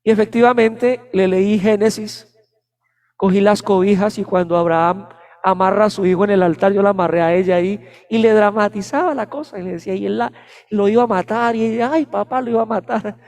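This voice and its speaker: A male preacher delivers a sermon full of personal anecdotes. His voice sits high, and he acts out the moments he describes. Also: steady tone, brisk, darkish tone. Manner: storytelling, dramatizing anecdotes. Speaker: pastor.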